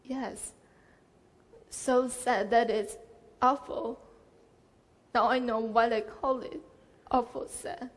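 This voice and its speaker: A woman's voice: fairly high pitch, fairly even intonation, slow pace, pauses often. A woman student actor playing a lonely widow, drawing out her words mournfully on stage. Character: lonely clinging young widow. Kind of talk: live student theater acting. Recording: echoey stage hall from far off.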